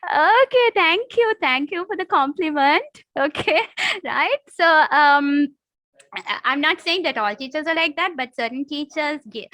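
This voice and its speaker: Bright high-voiced Sri woman teacher. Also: no room sound. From Sri Lanka. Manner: chatty, repeats key terms, laughs often. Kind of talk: online literature lesson.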